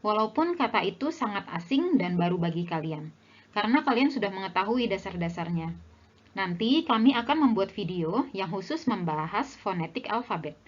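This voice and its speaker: A woman's voice: medium pitch, animated, normal speed, muffled recording. A young woman teaching a language lesson in scripted narration, speaking in a friendly way to viewers as friends.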